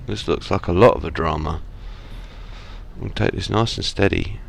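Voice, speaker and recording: A man talking casually as he plays, with a low, gravelly voice. He rambles and apologizes, poking fun at himself as he goes. A faint hiss sits under the recording. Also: normal speed. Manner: rambling, self-deprecating, apologetic asides. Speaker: gaming channel host. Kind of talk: casual let's-play commentary. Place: home gaming setup.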